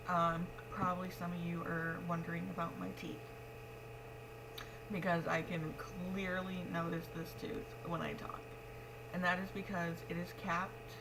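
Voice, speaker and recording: A young adult woman talking casually and frankly to her vlog, rambling in a matter-of-fact way, with the speech of someone missing front teeth. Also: on the low side. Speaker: pregnant vlogger. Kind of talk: casual confessional vlog talk. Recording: clearly noisy home recording with hum.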